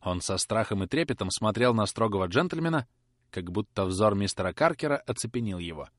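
A man reading a classic novel aloud, narrating in an expressive, measured way. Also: on the low side, dry recording, clean studio sound. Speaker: audiobook reader. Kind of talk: audiobook narration.

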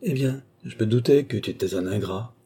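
Brief: impudent court lady, put on by a male narrator, teasing, dark and husky. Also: mid-range voice, brisk, pitched above the performer's own voice. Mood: mocking. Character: mocking, bold young woman at court.

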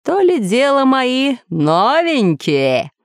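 A scheming lord of monsters brags in a calm, low, unhurried voice, as a woman reading the story puts him on. He savors every menacing detail. There is no room sound at all. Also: no room sound, clean studio sound. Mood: smug, boastful. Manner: calm, boastful. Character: boastful scheming male villain, lord of computers.

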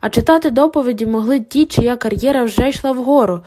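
A woman narrates a novel aloud in measured, scripted storytelling. Her voice sits slightly high. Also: mellow. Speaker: audiobook narrator.

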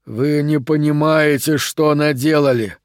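A man's voice: steady tone, a little slow, dry recording, studio quality. A man reading an audiobook, voicing a grief-stricken explorer who roars at the soldiers. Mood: anguished. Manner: roaring, then heavy and low. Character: grieving, furious bearded male explorer.

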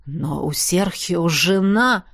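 A woman's voice: on the low side, takes it slowly, gravelly, a bit bright, no echo, studio quality, heavily acted. A woman doing Kjer, a wry grumbling husband. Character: adult man, a wry, guarded husband.

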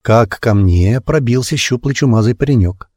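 A man narrating a first-person audiobook in a lively, expressive storytelling manner, close to the mic. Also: mid-range voice, moderate pace, dry recording.

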